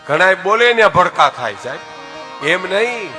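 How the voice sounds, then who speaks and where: An older man tells a folk tale in a high, sharply bright voice. He keeps turning to the listeners with a respectful address, dropping to hushed asides and then rising to loud exclamations. Faint music plays behind him. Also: normal speed. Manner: lively storyteller, often addresses listeners as "saheb"; swings between soft asides and loud exclamations. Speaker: folk storyteller. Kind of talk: Gujarati folk tale telling.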